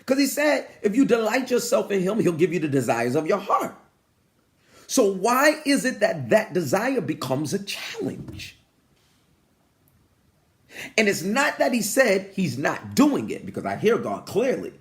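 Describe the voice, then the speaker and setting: A man's voice: high-pitched, unhurried. A man in his forties preaching a motivational sermon, congested and sniffling, calling out to his listeners and talking to God like a friend. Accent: New York. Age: 40s. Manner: animated, calls out to listeners, talks to God like a friend. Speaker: pastor. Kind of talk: live-streamed motivational sermon.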